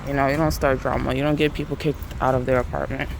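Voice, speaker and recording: A woman's voice: very deep voice, quick pace, vocal fry. A woman with an American accent tells a story casually to viewers while out walking, animatedly acting out what people said. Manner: animated retelling, acts out quoted speech. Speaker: vlogger. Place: outdoors on a walk. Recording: outdoor ambient noise.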